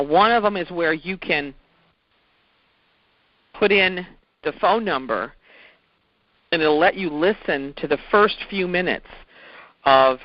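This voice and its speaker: A man whose voice is on the high side delivers a casual instructional talk as a sales trainer, conversationally explaining each step and repeating the important points. The audio has no room sound but is dull and lo-fi.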